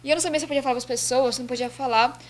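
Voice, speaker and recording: A woman's voice: high voice, fairly even intonation, racing, slight background noise. An eighteen-year-old woman from Brazil tells her own story casually in an office, acting out the dialogue she quotes. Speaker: student telling her story. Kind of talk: casual personal account to camera. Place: office indoors.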